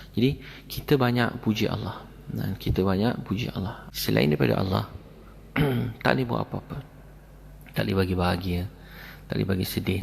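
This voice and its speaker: A man's voice: on the low side, vocal fry, a little mellow, a little hiss or hum. A male preacher with a Malaysian Malay accent, telling stories and repeating phrases for emphasis in a sermon. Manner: repetitive, storytelling, emphatic.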